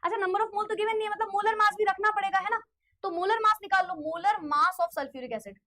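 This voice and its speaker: A high-pitched woman teaches chemistry in an online class. She talks in a lively way, poses questions and answers them herself, and slows right down to repeat definitions word by word. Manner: lively, repeats key phrases slowly to dictate; asks and answers her own questions in students' voice.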